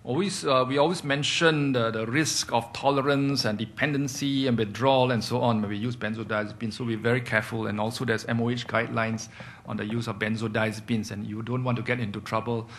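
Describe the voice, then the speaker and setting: A middle-aged man gives a clinical lecture to fellow doctors at a mid-range pitch. He explains step by step, poses his own questions and answers them, and keeps checking in with his listeners. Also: fairly even intonation, brisk, a bit bright, slight background noise. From Singapore. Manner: explanatory, repeats key points with rhetorical questions and "okay?".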